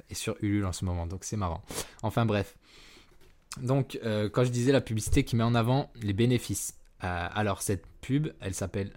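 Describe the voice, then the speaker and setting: A man with a fairly low voice talks through his podcast episode on his own. He wanders from point to point, filling gaps with hesitations and correcting himself as he goes. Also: a little mellow. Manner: rambling, many fillers and self-corrections. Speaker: podcast host. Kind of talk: casual solo marketing talk. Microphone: podcast mic.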